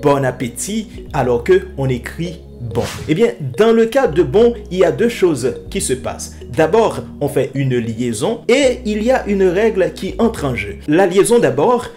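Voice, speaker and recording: A man's voice: on the high side, sing-song, a little slow, darkish tone, faint music behind. A man hosting his own video channel, explaining French grammar and pronunciation in a casual, emphatic teaching style, repeating example phrases.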